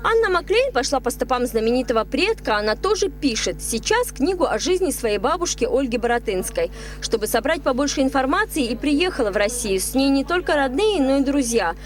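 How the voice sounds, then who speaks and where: A woman's voice: sits high, sing-song, brisk, few pauses. A woman reading a scripted television news report as a reporter's voice-over.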